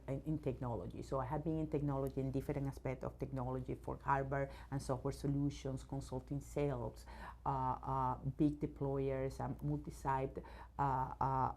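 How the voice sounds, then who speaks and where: A robotics company CEO born in Venezuela, this woman is a guest in a news interview. Her low voice is creaky with a darkish tone, and her halting speech is full of fillers and restarts as she searches for words, though she's enthusiastic about her subject.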